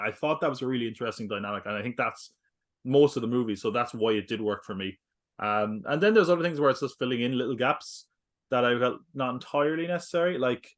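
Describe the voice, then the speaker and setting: Chatty rambling male film podcaster. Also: mid-range voice. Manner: rambling, filler-heavy, jokey asides. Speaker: podcast co-host. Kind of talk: casual film review chat.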